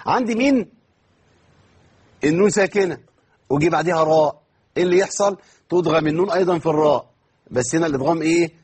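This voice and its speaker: A man with an Egyptian accent teaches Quran recitation in an online lesson. His voice is very husky and sits a little high, and he talks at a fast clip. He keeps asking questions and answering them himself, and he stretches words out slowly to demonstrate. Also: darkish tone. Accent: Egyptian Arabic.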